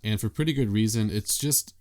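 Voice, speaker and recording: A man's voice: lowish voice, a little fast, darkish tone. A man co-hosting a horror film podcast in a casual, laid-back way, laughing often and swearing offhandedly. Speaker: podcast co-host.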